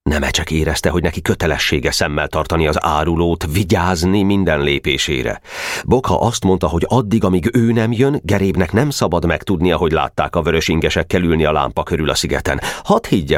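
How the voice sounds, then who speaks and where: A man narrates an audiobook in a very deep voice. His storytelling is expressive, with a lively, varied melody. The recording is dry and close. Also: no echo. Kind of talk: audiobook reading.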